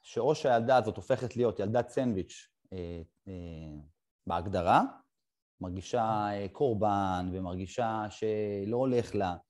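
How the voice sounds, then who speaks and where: Middle-aged guy hosting a chat, mellow dark voice, halting storytelling with pauses. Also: lowish voice. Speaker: podcast host. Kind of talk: casual conversation.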